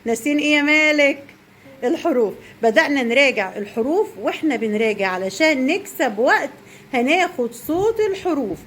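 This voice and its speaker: A woman's voice: sits high, lively intonation, fast, fairly bright tone, slight background noise. A young woman teacher with an Egyptian accent, quizzing and praising small children while explaining to parents. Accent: Egyptian Arabic. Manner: encouraging, quizzing and praising pupils.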